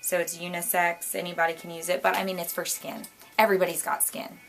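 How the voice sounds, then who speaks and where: Chatty hoarse woman. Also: on the low side, little pitch movement, fast. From Florida, US. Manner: chatty, rambling, bubbly with asides. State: hoarse, losing her voice. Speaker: beauty vlogger. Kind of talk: casual chat. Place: home, indoors. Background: light jazz music.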